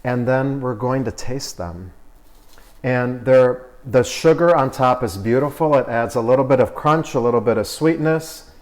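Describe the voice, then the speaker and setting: A man co-hosting a home cooking video, walking through baking steps in a relaxed, instructive way. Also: medium pitch, normal speed. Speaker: cooking show co-host. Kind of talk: cooking demonstration.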